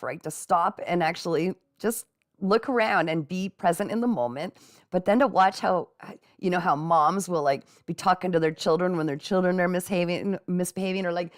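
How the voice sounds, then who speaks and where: A woman's voice: lowish voice, dry recording, studio quality. A middle-aged woman hosting a casual live stream from home, reading viewer comments aloud and cheering viewers on in a chatty way. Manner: chatty and encouraging, frequent laughs, talks straight to viewers as "guys". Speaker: livestream host and psychic reader. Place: at home with her dogs.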